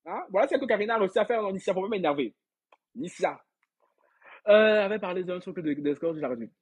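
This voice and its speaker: A man's voice: high voice, lively intonation, fast, breathy edge. A man hosting a casual gossip live stream, reading out viewer comments. He rambles, repeats words and laughs often as he talks straight to his viewers. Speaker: livestream gossip host.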